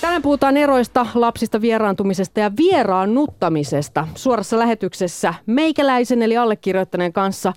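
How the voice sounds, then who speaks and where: A woman's voice: on the high side, lively intonation, few pauses, darkish tone, soft background music. A woman hosting a live radio talk show in a studio, teasing her guests as she steers the chat. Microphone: studio microphone.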